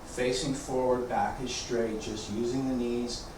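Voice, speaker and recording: A man leading tai chi practice as instructor, calling serene, sparse movement cues in calm, measured short phrases. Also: medium pitch. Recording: echoey room, distant mic, background noise.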